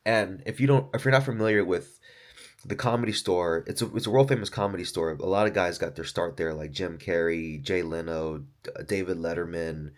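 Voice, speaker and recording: Deep-voiced man rambling casually. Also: brisk. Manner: loose, profane, full of fillers like "like" and "dude". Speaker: author and podcaster.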